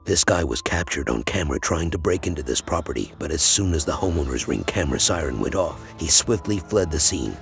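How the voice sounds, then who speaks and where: A man's voice: extremely low pitch, lively intonation, fairly quick, vocal fry, few pauses, loud music behind the voice. A man reading scripted narration for a compilation of crime clips.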